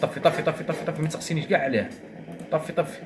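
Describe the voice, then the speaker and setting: Young Algerian streamer, excitable and fast-talking, mid-pitched, noisy home mic. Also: male voice. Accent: Algerian Arabic. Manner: excitable, muttering to himself, swings from grumbling to shouting. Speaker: gaming streamer. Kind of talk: gameplay commentary.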